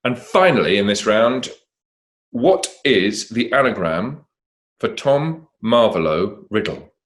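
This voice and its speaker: A middle-aged man co-hosting a quiz reads the questions cheerfully and shares backstage stories in a chatty, anecdotal way. His voice is on the low side with big pitch swings, and he speaks slowly.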